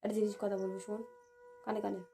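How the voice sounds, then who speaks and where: A woman's voice: medium pitch, little pitch movement, quick pace, creaky, warm tone, slight background noise. A woman in casual home chat, coaxing and teasing, repeating her requests. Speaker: wife.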